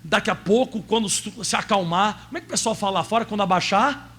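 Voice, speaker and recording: A man with a Brazilian Portuguese accent preaching a sermon as pastor, emotional, rising at times to loud cries. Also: high voice, fast, slight background noise.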